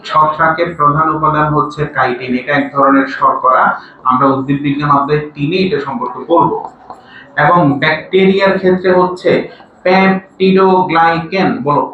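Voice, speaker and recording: A man teaches a classroom lecture, regularly asking his students to repeat answers back to him. His voice sits somewhat high. It carries through a very echoey room, caught from a distance with steady background noise. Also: brisk, pauses often, lo-fi sound. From Bangladesh. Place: large classroom. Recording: echoey room from far off, noisy.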